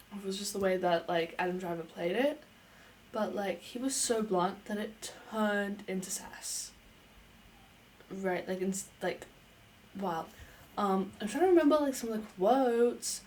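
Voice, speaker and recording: A woman's voice: medium pitch, lively intonation, unhurried, darkish tone, a little hiss or hum. A young adult woman giving an unscripted casual review as a vlogger, chatty and playful, talking with lots of fillers.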